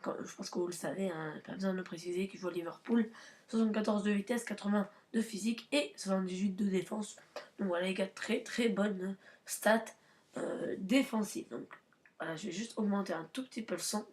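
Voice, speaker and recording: A woman's voice: medium pitch, brisk, darkish tone. A woman hosting a gaming channel, giving casual, slangy gameplay commentary with lots of fillers and restarts. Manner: hesitant, many fillers and restarts; slangy, chatty, addresses viewers as guys.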